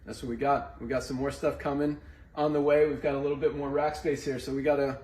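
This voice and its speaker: A man's voice: mid-range voice, level tone, fast talker, a little mellow. A man giving a casual promotional tour as a company owner, with an informal, salesy way of talking. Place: indoor warehouse. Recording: echoey, noisy room, distant mic.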